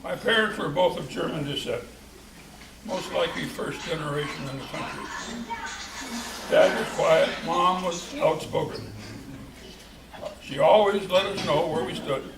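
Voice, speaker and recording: Older man reminiscing in an echoey hall. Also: on the high side. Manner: unhurried, folksy storytelling with restarts. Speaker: charter church member. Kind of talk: reminiscing speech at a church event. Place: church hall. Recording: echoey hall, distant mic, noisy.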